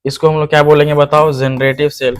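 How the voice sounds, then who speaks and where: Smooth and brisk, this man's fairly high voice shows little pitch movement. Lecturing on biology online, he addresses the viewer as "hero," asks questions and answers them himself, and repeats the key terms.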